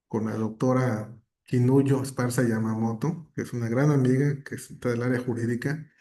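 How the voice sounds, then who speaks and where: A man talks reflectively as a guest academic, his voice mellow and dark. He builds his points through examples and keeps checking in with short questions. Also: medium pitch. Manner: reflective, gives examples, frequent tag questions. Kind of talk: conversational talk.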